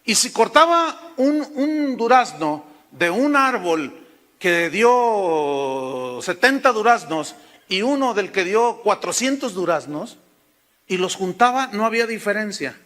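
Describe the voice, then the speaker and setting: High, bright Mexican-accented preacher. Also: male voice, sing-song, takes it slowly, long reverb tail. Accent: Mexican Spanish. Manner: folksy storytelling, addresses listeners as hermano. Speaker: pastor. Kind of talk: sermon.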